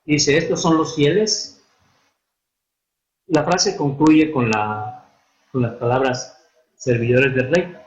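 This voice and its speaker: A man giving an online lesson on writing and spelling, with a Mexican Spanish accent, unhurried and hesitant with many fillers and restarts. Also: mid-range voice, steady tone. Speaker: instructor. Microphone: computer mic for a virtual classroom. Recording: echoey, dull online-classroom audio.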